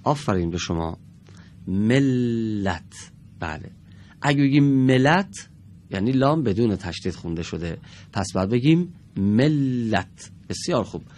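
A man teaching a televised classroom lesson in a studio, patient and encouraging with the pupils, drawing out each example word slowly and deliberately. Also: deep voice, sing-song, darkish tone.

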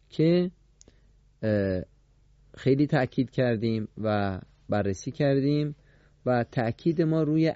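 A man leads a Quran recitation class in a radio studio, putting questions to his students and repeating their replies. He talks emphatically, with sharp pitch jumps on key words, in a dark, mellow voice. The sound is dry and a little dull, like a radio broadcast. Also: no room sound.

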